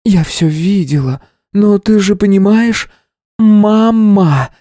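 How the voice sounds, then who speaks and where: A woman's voice: fairly high pitch, lively intonation, unhurried, warm tone, no room sound, clean studio sound. A woman voicing a young pointy-eared girl who pleads urgently with her mother, in an audiobook. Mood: insistent. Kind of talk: audiobook character voice.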